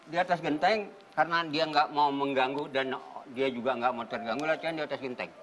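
Older man, measured and earnest. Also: mid-range voice, a bit bright, a little hiss or hum, rough recording. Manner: measured, searching for words, earnest. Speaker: theater group founder and guest. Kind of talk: reflective talk show storytelling.

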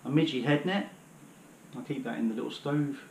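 This low-quality recording catches a British man in his thirties at a fairly quick pace, his medium-pitched voice a little mellow with some vocal fry. An outdoor gear vlogger, he kneels on his living room floor and rambles casually about his hiking gear with many fillers. The sound is roomy with slight hiss or hum, taken from a camera on the floor a few metres away.

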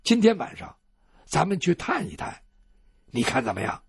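A man doing a calm, sly swordsman. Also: a little high, normal speed, gravelly, husky, no echo, studio quality, voice pushed down, heavily acted. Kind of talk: traditional Chinese storytelling.

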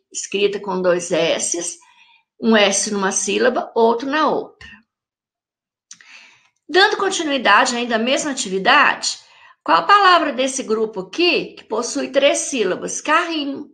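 A Brazilian woman teaching young children in a recorded remote lesson, with a high, bright voice. She talks slowly and patiently, drawing words out syllable by syllable. She keeps repeating the rule and asking the class if they follow. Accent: Brazilian Portuguese. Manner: repeats rules and checks in with the class. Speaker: primary school teacher.

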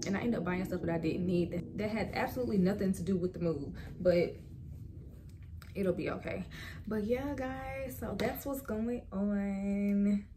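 A woman's voice: medium pitch, normal speed, background noise. A woman in her twenties chatting casually to viewers in a vlog, talking straight to her phone camera in her bedroom. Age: 20s. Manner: chatty, addresses viewers as y'all. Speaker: vlogger. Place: bedroom, indoors. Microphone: phone camera at arm's length.

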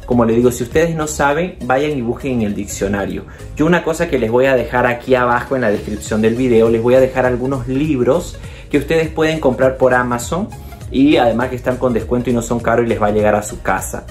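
Chatty Bolivian-accented man giving tips. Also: medium pitch. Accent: Bolivian Spanish. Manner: chatty and encouraging, addresses viewers directly, often says "entonces". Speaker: video host giving language tips. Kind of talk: casual advice to camera.

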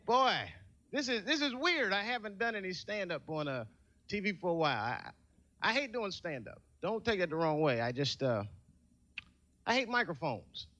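A man's voice: sits high, expressive, normal speed, bright, forceful tone, dull audio. A young man doing a stand-up set in a laid-back, conversational way, asking the crowd questions, on a stage before a studio audience. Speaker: stand-up comedian.

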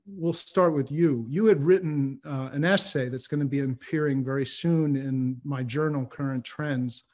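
A middle-aged man moderates a policy discussion over a video call. He introduces his guests in a measured, formal way, with an average-pitched voice. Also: darkish tone. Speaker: host and moderator. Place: home study with bookshelves.

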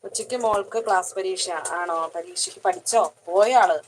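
A woman's voice: mid-range voice, steady tone, brisk, slight background noise, rough recording. A woman hosting a casual live stream from her kitchen, chatting and greeting viewers by name as she reads their comments. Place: home kitchen.

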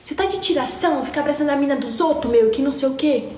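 A woman acting out a hot-tempered young woman who yells in street slang. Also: very high voice, fast, reverberant, a little hiss or hum, voice pushed up. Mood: angry.

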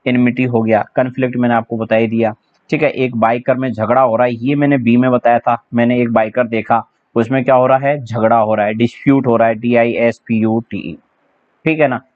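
A man's voice: medium pitch, level tone, fairly quick. A man teaching English vocabulary for exams in a chatty, joking way, spelling words out letter by letter. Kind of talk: exam-prep English vocabulary lesson. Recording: slightly dull lo-fi audio.

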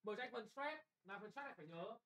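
Young man, classroom exam tutor; brisk, blunt, keeps checking if students follow. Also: high-pitched, expressive, bright, forceful tone, a little hiss or hum, poor audio. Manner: brisk and bossy, often checking "got it?". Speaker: English tutor.

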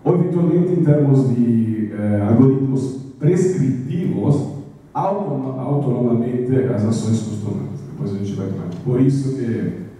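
With a mellow, mid-range voice at a measured pace, a middle-aged man with an Italian accent presents at a business conference, halting and leaning on fillers. He holds a handheld mic on a big auditorium stage, recorded from a distant camera, so the sound is echoey.

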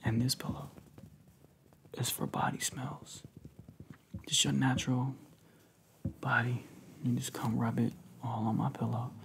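A young man playing a devoted, clingy lover in an ASMR role-play, giving soft, intimate, affectionate pillow talk up close. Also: flat delivery, measured pace, pauses often, background noise. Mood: longing, sensual. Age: young adult. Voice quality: soft, breathy soft-spoken mixed with low murmur. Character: devoted, clingy, tender male lover at bedside. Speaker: ASMR creator. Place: living room couch, indoors.

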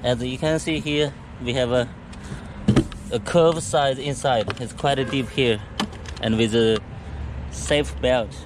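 A man giving a product walkthrough of a go kart outdoors, speaking halting English with many fillers and restarts. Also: mid-range voice, fairly even intonation. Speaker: factory sales rep showing a go kart. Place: outdoors beside go karts on pavement. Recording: outdoor camera audio with background noise.

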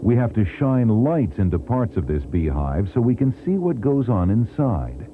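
Low-voiced man explaining, worn VHS tape. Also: sing-song, moderate pace, background noise. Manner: clear, explanatory, teacherly. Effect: worn VHS tape copy. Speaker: documentary narrator. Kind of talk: scripted educational narration. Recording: thin, tinny worn VHS tape with music. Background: music score.

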